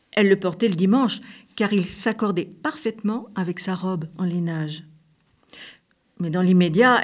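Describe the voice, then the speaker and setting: A woman narrating a storybook in a gentle, measured reading voice. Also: mid-range voice.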